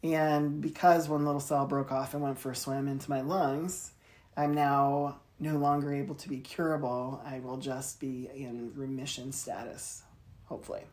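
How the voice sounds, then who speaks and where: A woman with a notably low voice talks candidly in a relaxed podcast chat. Her humor is dry and she laughs easily with her co-host. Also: normal speed. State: in chemotherapy treatment. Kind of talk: casual chat.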